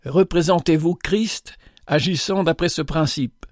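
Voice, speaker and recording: A man voicing a gentle, earnest young woman who speaks softly and calmly. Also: fairly high pitch, a little slow, no room sound, studio quality, lightly acted. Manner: soft, calm, quiet.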